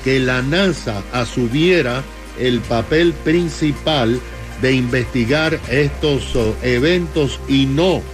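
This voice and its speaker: Slow-paced man reading radio news over music. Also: medium pitch. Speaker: radio co-host. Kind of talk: radio news segment, explaining to co-host. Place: radio studio. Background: music bed.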